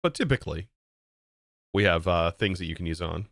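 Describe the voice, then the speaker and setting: A man's voice: sits low, a little fast, fairly bright tone, dry recording, studio quality. An American man streaming a game, chatting casually and answering his chat in disbelief. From United States. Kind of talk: casual livestream chat while gaming.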